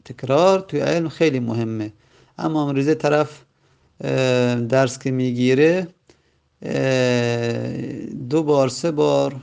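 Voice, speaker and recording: A man teaching Arabic grammar, repeating word forms slowly and patiently in a classroom lesson. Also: mid-range voice, vocal fry, a little mellow, smooth. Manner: drills forms by slow repetition, stretching out the words.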